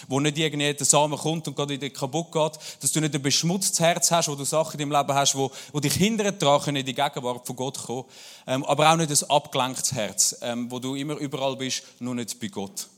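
A man's voice: a little high, fairly quick. A pastor with a Swiss German accent preaching a sermon and speaking personally to his congregation. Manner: warm, personal address to the congregation.

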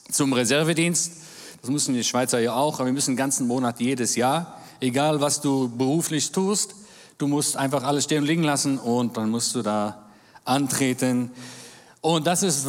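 A man in his forties, born in Germany, giving a church talk as a guest speaker in a jovial manner with jokes and amens. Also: mid-range voice. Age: 40s. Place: large church hall. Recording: reverberant church hall.

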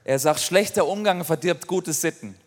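A middle-aged man interpreting a sermon live in a church hall, in quick, loose phrasing with fillers and self-corrections. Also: a little high. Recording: long reverb of a large hall.

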